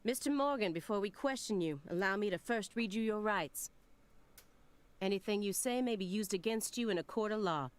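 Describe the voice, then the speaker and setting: An actress playing a stern, formal FBI agent in a video game, controlled and deliberate. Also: female voice, mid-range voice, expressive, smooth, lightly acted.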